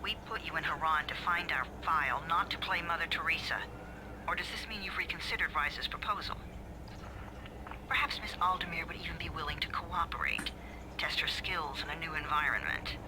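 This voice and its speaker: An actor playing a cold, sardonic agency handler in a video game, formal and condescending, heard through a walkie-talkie. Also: male voice, a little high, a little fast. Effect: two-way radio, thin walkie-talkie sound. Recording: noisy, telephone-like radio transmission.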